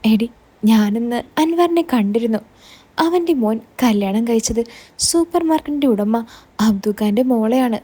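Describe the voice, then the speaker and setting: A woman's voice: fairly high pitch, expressive, normal speed, dark tone, husky. Woman reading as an aggrieved middle-aged husband. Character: middle-aged man, hurt, heavy-drinking husband.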